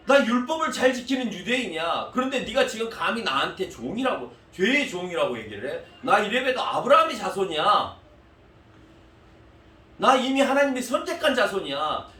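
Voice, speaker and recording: A man voicing a proud, indignant man who loudly protests an accusation, in an echoey room heard from a distance. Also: high-pitched, voice pushed up, full character voice. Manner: loud, insulted and protesting.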